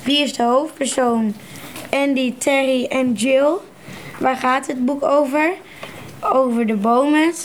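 A young girl hosting a book podcast and reading a story aloud slowly and carefully. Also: high-pitched, steady tone, a little hiss or hum. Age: child. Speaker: podcast host.

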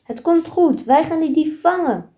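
A woman voicing a calm young girl who reassures her friend in a read-aloud story. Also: sits high, a little slow, pitched above the performer's own voice. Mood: reassuring.

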